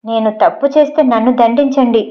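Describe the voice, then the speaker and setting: A woman's voice: fairly high pitch, fast talker, muffled recording, natural voice. A woman voicing a remorseful young wife in an audio story, speaking in a pleading, broken way.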